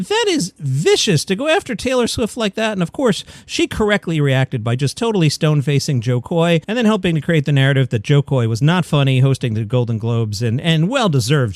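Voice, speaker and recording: Fairly high-pitched and very animated, this man hosts a comedy news podcast, reading the stories and adding wry, opinionated remarks in a partly scripted style. He moves quickly with few pauses, his tone is a little mellow, and the sound is dry.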